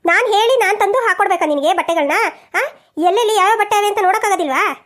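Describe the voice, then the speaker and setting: A sharp-tongued old mother-in-law, as a woman voices her for a cartoon, nagging without pause. The voice sits very high and the words tumble out fast. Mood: scolding. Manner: nagging, sarcastic scolding. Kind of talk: cartoon voice acting.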